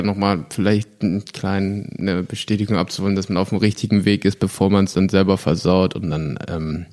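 Rambling young German-speaking actor, low voice. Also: male voice. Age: 20s. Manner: relaxed, rambling with many fillers and restarts. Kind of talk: casual interview chat.

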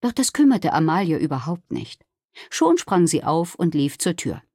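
A woman narrating a children's story in a lively, expressive storytelling voice. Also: low-pitched, normal speed, slightly rough, dry recording, studio quality. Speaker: audiobook reader.

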